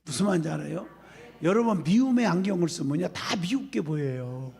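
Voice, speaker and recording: Animated, gravelly-voiced male pastor preaching. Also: high voice, fairly quick. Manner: lively storytelling, often asks the congregation if they understand. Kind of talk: revival sermon. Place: church sanctuary. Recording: long hall reverb.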